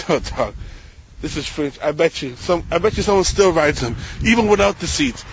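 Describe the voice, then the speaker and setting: Host, male, fairly high voice, relaxed slangy street commentary, dull muffled outdoor recording. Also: normal speed, vocal fry, a little hiss or hum. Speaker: host walking a neighborhood. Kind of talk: casual walking commentary. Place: outdoors on city streets at night.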